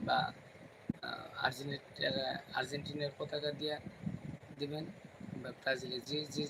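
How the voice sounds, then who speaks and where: A man hosting a casual live stream from home at night, speaking quietly so as not to wake the kids and chatting with viewers by name. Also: medium pitch. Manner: talks softly, kids asleep nearby. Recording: noisy home recording, fan hum.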